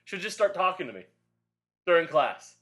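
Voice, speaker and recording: A man's voice: high voice, sing-song, normal speed, fairly bright tone. A young adult man co-hosting a fitness podcast, telling a long rambling story with lots of filler in a casual chat. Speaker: podcast co-host and Pilates instructor.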